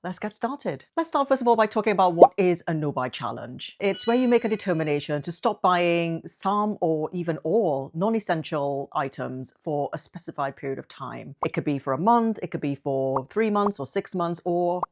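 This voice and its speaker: A woman in her forties, originally from Trinidad, speaks to the camera in a low, deep voice. She tells her personal story candidly and thoughtfully at an unhurried pace. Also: animated, a little mellow. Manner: reflective, candid, measured. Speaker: fashion vlogger.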